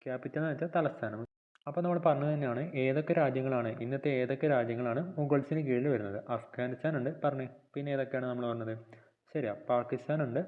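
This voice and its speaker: Malayali man teaching over a tinny line. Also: medium pitch. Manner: repeats points and quizzes the viewer; reads English lines slowly and deliberately. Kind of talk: textbook lesson explanation. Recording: phone-like narrow band audio.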